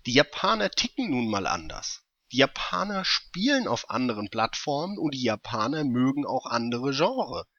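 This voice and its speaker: A man's voice: medium pitch, very animated, normal speed, hardly any pauses, pushed and bright, no echo, lo-fi sound. A man co-hosting a casual gaming podcast, explaining his points through hypothetical scenarios. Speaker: podcast co-host.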